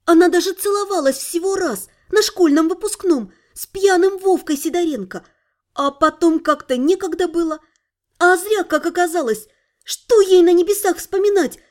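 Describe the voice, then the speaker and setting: A woman narrating an audiobook in a high voice. She reads with lively, ironic storytelling and a scripted, even delivery. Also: moderate pace.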